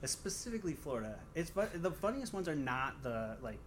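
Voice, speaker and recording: A man's voice: a little high, very animated, fairly quick. Casual male talker, Michigan Great Lakes accent, rambling and dryly funny, noisy ambient recording. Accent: Michigan, Great Lakes American. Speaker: stand-up comedian guest. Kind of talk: casual chat.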